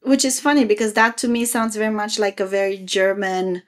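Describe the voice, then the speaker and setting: A woman's voice: medium pitch, flat delivery, brisk. A woman hosting a podcast, asking long, curious, open questions in a casual interview. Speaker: podcast host.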